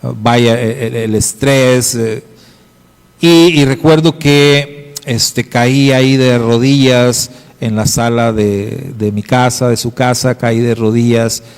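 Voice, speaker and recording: A middle-aged pastor preaching in an unhurried, deliberate way, pausing and restarting as he searches for words. His delivery is earnest and emphatic. A long hall reverb trails after each phrase. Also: medium pitch, fairly even intonation. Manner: earnest, emphatic storytelling with frequent hesitations. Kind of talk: sermon. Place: congregation hall.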